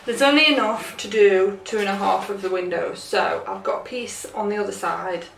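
A woman's voice: mid-range voice, normal speed, gravelly, slight background noise. A young woman chatting casually to a handheld camera in her kitchen, upbeat and rambling. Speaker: vlogger. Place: small home kitchen, indoors. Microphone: handheld camera at arm's length. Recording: background music playing loudly. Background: loud background music.

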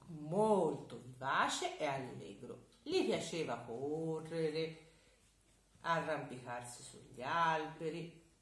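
Tuscan woman storyteller, middle-aged, slow and expressive, echoey room. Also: deep voice. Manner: warm, expressive and unhurried. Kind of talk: children's storytelling.

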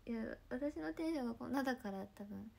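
A woman in her twenties from Ibaraki, Japan, hosting a casual livestream chat in a chatty, playful way, often dropping into soft murmured asides. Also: a little high, animated, quick pace, creaky. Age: 20s. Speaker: idol livestream host.

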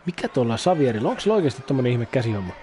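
A man giving chatty, excitable commentary while playing a video game, swearing and exclaiming at the action. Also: mid-range voice. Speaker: gaming YouTuber. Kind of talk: casual Let's Play commentary.

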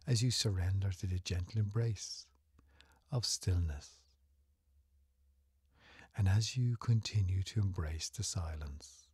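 Soothing and gentle, a man takes his time narrating a guided meditation, his low-pitched voice breathy and husky and often sinking almost to a whisper. The recording is dry.

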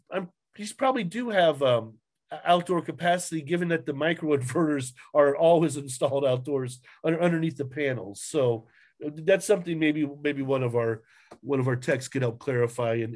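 A man presents slides in a webinar, picked up by his webcam during a video call. His voice is fairly high and a little mellow, and his delivery stumbles along with many fillers and false starts.

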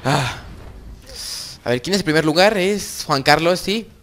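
A young man giving excited gameplay commentary as host of his gaming channel, repeating phrases over and over. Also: a little high, a little slow, very noisy.

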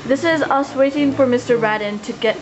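A woman's voice: sits high, fairly quick. Giggly woman filming in a busy salon. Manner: teasing, giggly commentary. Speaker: person filming the video. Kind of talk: casual chat narrating home video. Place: busy hair salon indoors. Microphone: handheld camcorder mic. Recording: dull camcorder audio with salon crowd.

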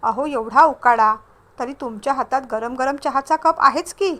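A woman's voice: high-pitched, normal speed, a bit bright. A woman voicing a witty, composed young woman traveler in a read-aloud story, with a light, teasing, polite manner.

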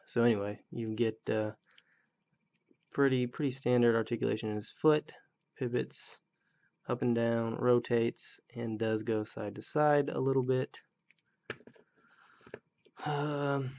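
A man's voice: medium pitch, creaky, darkish tone. A man in his thirties reviewing an action figure in a blunt, grumbling, critical way, on a dull lo-fi recording. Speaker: toy reviewer. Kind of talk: casual product review.

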